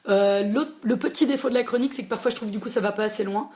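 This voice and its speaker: A quick, chatty woman chats about books on a library's livestream. Her speech pours out in a rush, full of little fillers, in a casual tone that rings out into a phone mic. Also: on the high side, dark tone. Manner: fast-talking, chatty, lots of fillers. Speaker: librarian hosting a book chat. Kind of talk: casual livestream book chat.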